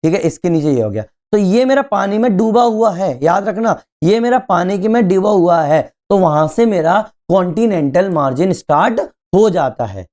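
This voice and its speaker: Guy teaching an exam prep class, mellow tone, repeats terms, keeps asking "got it?". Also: sits high, lively intonation. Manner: keeps asking students if they follow; explains slowly, repeating key terms.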